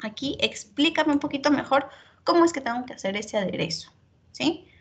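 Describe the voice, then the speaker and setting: A woman teacher, giving feedback in an online class and checking in constantly with her student between filler pauses. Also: high-pitched, lively intonation.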